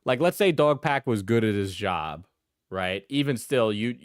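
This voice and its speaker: Reacting to an interview, a man with a lowish, animated voice offers casual, opinionated commentary at an unhurried pace, blunt and mocking, swearing freely and often checking his points with "right?". The sound is clean studio quality with no echo.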